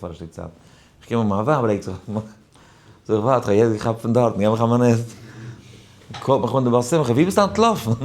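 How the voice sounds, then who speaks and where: With a fairly low-pitched voice, a man leads his daily Torah class as rabbi in an informal way, folding a personal story into the lesson. His delivery is animated, moving from hushed asides to forceful points.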